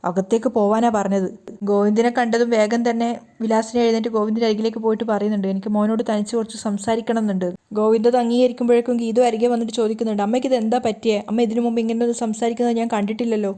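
A woman's voice: fairly high pitch, little pitch movement, racing, warm tone. A woman retelling a TV serial episode, voicing the characters' quoted lines herself. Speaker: serial recap narrator. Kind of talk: fast storytelling recap of a TV serial.

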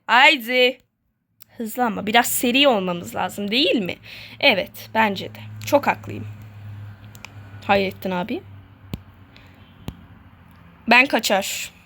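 With a medium-pitched, slightly bright voice, a woman vlogs while playing a game, chatting casually and rambling. Her let's-play talk is jokey and self-deprecating, full of the same words said over and over.

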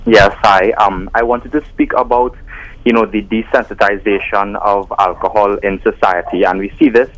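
Earnest young man, low voice. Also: fairly even intonation, moderate pace, no echo, rough recording. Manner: earnest, articulate with fillers. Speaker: caller. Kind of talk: call-in radio.

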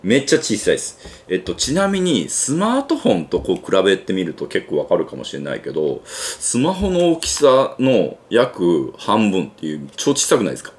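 Man, Kansai accent, gadget review host, fairly low voice, very lively pitch, chatty, lots of fillers. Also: moderate pace, few pauses. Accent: Kansai Japanese. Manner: chatty, thinking aloud with many fillers. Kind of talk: casual unboxing review.

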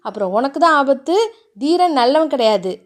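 A woman voicing a gruff, teasing young man, the hero of a romance audiobook, in a mock-threatening way. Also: high-pitched, lively intonation, moderate pace.

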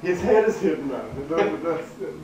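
Man, video game banter, giggly, crude teasing, a bit high, distant mic, very echoey room. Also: animated, moderate pace, darkish tone, a little hiss or hum. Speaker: gaming video co-host. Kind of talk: casual banter while playing a video game.

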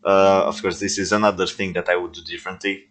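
A man's voice: sits low, flat delivery, fast talker, a bit bright. A man who makes stop-motion toy movies, commenting casually on his own old work in a rambling, self-deprecating, joking way.

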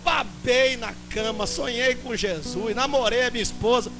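A man pastor preaching a sermon, telling a story in an animated, theatrical way and calling out to the congregation. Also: extremely high pitch, normal speed. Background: guitar music.

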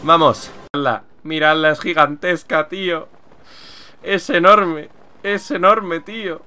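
A man with a Spain Spanish accent giving excitable gameplay commentary, repeating catchphrases and cracking puns. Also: a little high, slow, smooth. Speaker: video game let's player.

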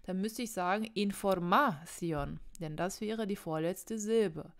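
A woman's voice: mid-range voice, normal speed, a little mellow, smooth. A young woman teaching Spanish in a casual online video lesson, talking straight to the viewer and correcting herself as she goes. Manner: chatty, self-correcting, addresses viewer directly.

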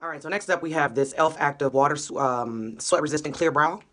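Her voice is low-pitched, a bit bright, and a little fast as she chats in upbeat slang. The young beauty vlogger films on a phone held close, first in a small room at home and later out on a city street and in a gym, keeping it casual.

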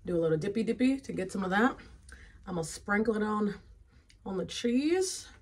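A woman's voice: medium pitch, lively intonation, moderate pace. Chatty woman tasting snacks on camera. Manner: chatty, eating while talking, mouth full. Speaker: food vlogger. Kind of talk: casual food tasting chat.

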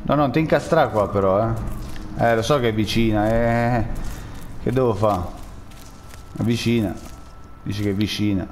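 A man's voice: lowish voice, moderate pace, pauses often, a little hiss or hum. Jumpy man gaming. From Rome, Italy. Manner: jittery, jokey, talks to chat. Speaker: gaming streamer. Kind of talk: live gameplay commentary.

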